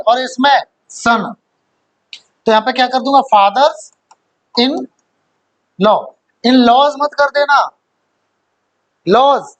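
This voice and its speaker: A man's voice: very high-pitched, dull audio. A man teaching a grammar class who quizzes his students, repeats key points, and mixes English terms into his explanations. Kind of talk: classroom lecture.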